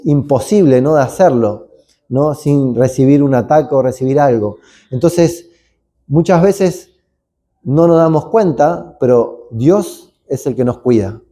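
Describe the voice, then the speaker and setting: A man's voice: mid-range voice, warm tone. A male pastor preaching a conversational sermon, full of asides, tag questions like "¿no?", and acted-out sounds. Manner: conversational, rambling asides, frequent "¿no?" tags; acts out sounds and screams.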